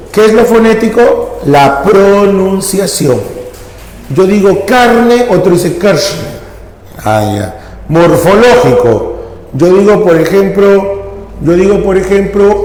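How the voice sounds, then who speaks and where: A male teacher explains a language lesson slowly and keeps asking his students rhetorical questions. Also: medium pitch, darkish tone. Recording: echoey room with long reverb.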